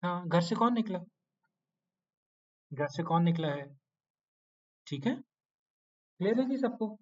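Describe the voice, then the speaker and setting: A man with a fairly high voice teaches an online Quranic Arabic class. He quizzes his students with short prompts and coaxes answers out of them. He playfully scolds them into doing their homework, and the lo-fi audio sounds a little muffled. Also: animated, unhurried.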